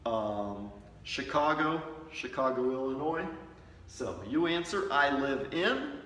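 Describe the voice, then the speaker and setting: Slow, patient male English teacher. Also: mid-range voice, bright, forceful tone. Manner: patient, repeats model sentences for learners. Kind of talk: slow, deliberate English lesson. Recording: roomy echo from a distant mic.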